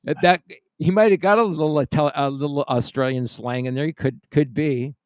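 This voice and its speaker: A man with a fairly high voice hosts a relaxed podcast chat and reads listener comments aloud with frequent chuckles. His voice sits close and dry on the mic, with no room sound around it. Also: brisk, no room sound. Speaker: podcast host.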